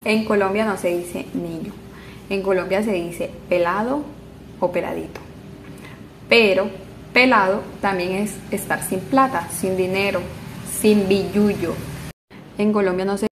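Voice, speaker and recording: A woman vlogger giving a casual spoken explainer of slang, playfully contrasting everyday sayings in a steady rhythm. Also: mid-range voice, normal speed, slight background noise.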